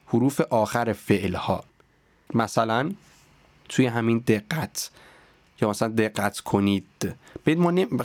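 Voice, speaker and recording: A man teaching pronunciation in a podcast lesson, sometimes demonstrating words very slowly and deliberately. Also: mid-range voice, a little mellow, dry recording. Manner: slow, deliberate, over-articulated demonstrations. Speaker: diction coach.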